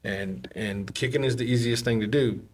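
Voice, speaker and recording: A man chatting casually on a podcast, animated and laughing through stories. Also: medium pitch, normal speed. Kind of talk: casual chat.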